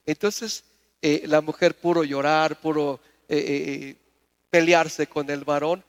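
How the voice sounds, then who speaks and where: High-voiced preaching man in a hall. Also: steady tone, slow, clean tone. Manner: preaching with call-and-response questions, climbing loud and high. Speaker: pastor. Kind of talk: sermon.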